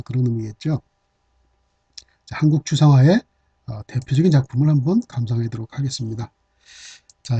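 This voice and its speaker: A man's voice: mid-range voice, warm tone, breathy edge, no echo. A middle-aged man teaching Chinese-character vocabulary, explaining patiently with many "ah" and "uh" fillers. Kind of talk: hanja vocabulary lesson. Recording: dull, slightly lo-fi dry recording.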